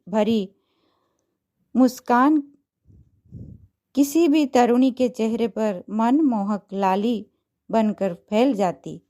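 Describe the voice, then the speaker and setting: A woman reading a short story aloud as a storyteller, in a measured, expressive narration. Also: a little high.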